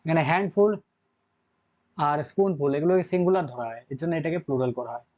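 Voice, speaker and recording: Man, grammar teacher, high voice, frequent check questions, muffled lo-fi sound. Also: fast talker, darkish tone. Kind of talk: classroom grammar lesson.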